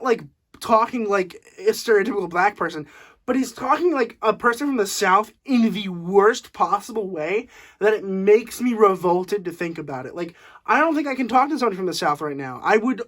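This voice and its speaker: Young male reviewer, casual and animated, laughing through his take. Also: high-pitched, moderate pace. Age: young adult. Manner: animated, laughing, with frequent fillers. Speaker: movie reviewer. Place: room at home.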